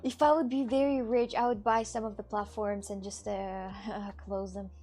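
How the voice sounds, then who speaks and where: Chatting casually with her viewers, a streamer in her twenties rambles along, laughs a lot, and swears without restraint as she answers them. She speaks at a normal speed in a mellow, mid-range voice with a level tone.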